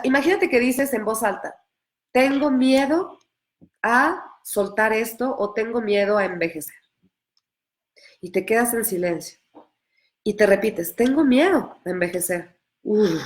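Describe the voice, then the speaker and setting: A woman giving a live coaching talk, earnest and direct, acting out inner voices and repeating key phrases. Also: on the high side. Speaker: empowerment coach.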